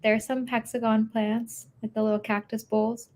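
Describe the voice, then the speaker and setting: Lively young woman chatting on a podcast. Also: on the high side, normal speed, background noise. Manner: lively storyteller, laughs easily. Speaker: podcast co-host. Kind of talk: casual chat.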